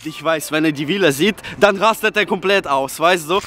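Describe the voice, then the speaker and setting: A man's voice: fairly high pitch, normal speed, fairly bright tone, soft background music, natural voice. A man playing an eager young son-in-law who shows off his home in clumsy German, in a comedy sketch. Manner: clumsy German, earnest and pushy.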